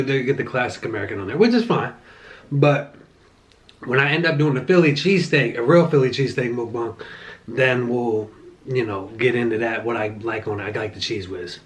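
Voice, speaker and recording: A young man hosting his own channel, chatting casually between bites as he reviews a movie, rambling and restarting his sentences. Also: mid-range voice. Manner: rambling, relaxed, with frequent restarts and "like" fillers. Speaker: channel host reviewing movies while eating. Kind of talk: casual mukbang chat.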